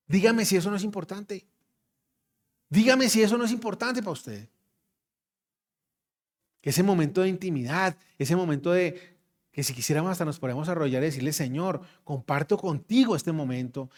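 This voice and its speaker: A man preaching a sermon, emphatic, repeating his phrases and putting questions straight to the congregation. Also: on the high side.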